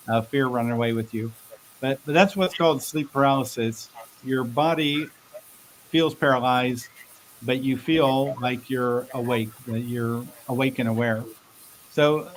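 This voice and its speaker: Male interview guest, medium pitch, conversational explainer with a halting, word-repeating delivery and light hiss. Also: low-quality recording. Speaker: interview guest, expert speaker. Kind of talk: casual explanatory interview talk. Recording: faint background hiss.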